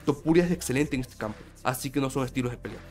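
A man's voice: medium pitch, racing, a little mellow, soft background music. A man commenting on a fight in an opinion video, talking emphatically to his viewers while he has a sore throat. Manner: emphatic, repetitive, addresses viewers directly. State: sore throat, slightly feverish. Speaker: MMA commentator.

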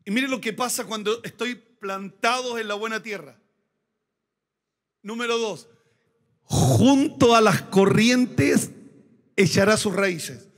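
A man preaching a sermon as pastor, emphatic and repeating key phrases, slowing down to stress words. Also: high voice, fairly bright tone.

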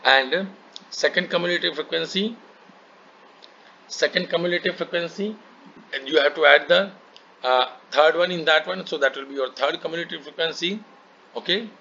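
A man's voice: a little high, normal speed, gravelly, long pauses, pushed and bright. A man with an Indian accent and Hindi as his first language, tutoring maths one-to-one step by step, repeating himself and often checking understanding. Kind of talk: one-to-one lesson, explaining step by step. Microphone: online call microphone. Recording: muffled, noisy online call recording.

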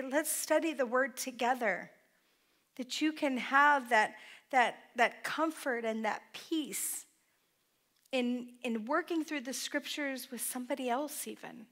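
A middle-aged woman pastor giving a heartfelt sermon in a church hall, picked up by a distant microphone. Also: high voice. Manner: heartfelt, tearful at times, with soft laughs. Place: church hall with a small stage.

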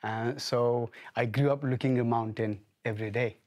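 A man's voice: mid-range voice, fairly even intonation, normal speed, darkish tone, muffled recording. A man from Nepal with a Nepali accent, a guest in a TV news studio, speaking hesitantly with many fillers and restarts. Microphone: lapel mic.

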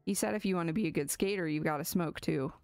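A woman's voice: fairly low pitch, quick pace, a little mellow, soft background music, close to an everyday voice. A woman voicing a chatty, eager young pig girl patient in a game, rambling on.

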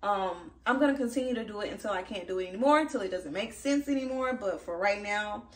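A woman's voice: medium pitch, lively intonation, quick pace, distant mic. A woman in her thirties, a working mom, chatting casually to camera from her home kitchen with lots of fillers. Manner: chatty, upbeat, frequent fillers. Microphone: camera across the room. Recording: echoey kitchen, voice from afar.

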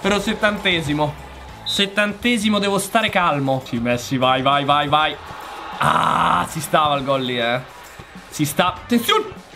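A young man commentating his own football game match, shouting and complaining at the referee. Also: fairly high pitch, measured pace, music in the background. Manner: shouting, exasperated outbursts at the referee. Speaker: gaming youtuber. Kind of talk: excited live game commentary.

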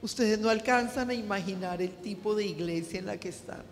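A woman's voice: mid-range voice, brisk, in a large hall, soft background music. A woman pastor preaching a sermon in a church, driving her points home with emphatic repetition.

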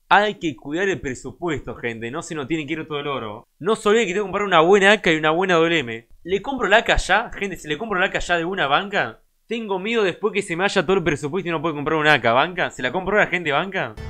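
A young gaming streamer with a Rioplatense Spanish accent gives excitable, casual gameplay commentary, talking straight to his chat. His voice is fairly high in pitch.

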